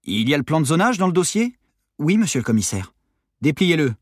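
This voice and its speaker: A man's voice: on the high side, sing-song, fairly quick, slightly rough, no echo, studio quality. A man voicing an impatient, insistent male police commissioner in an audiobook reading. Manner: insistent, commanding.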